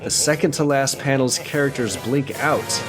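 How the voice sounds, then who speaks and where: A man's voice: medium pitch, normal speed, over music. A man co-hosting a film podcast, chatting casually, reading listener notes and narrating a scene, laughing often. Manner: lively, laughing, reads listener submissions. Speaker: podcast co-host.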